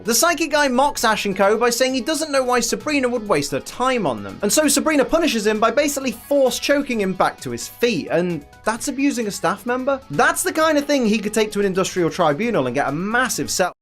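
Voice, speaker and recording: A man gives sarcastic running commentary on a cartoon, full of dry asides. His pitch swings widely from line to line, and faint music plays underneath. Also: sing-song, fairly quick, few pauses, fairly bright tone. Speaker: commentary host.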